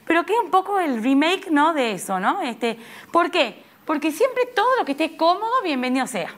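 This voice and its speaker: An Argentine woman with a high, bright-pitched voice, talking casually as a fashion guest on a live TV show. She is chatty and laughs often, her pitch rising in lively bursts. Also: normal speed. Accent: Argentine Spanish. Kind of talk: casual TV chat. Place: live TV studio.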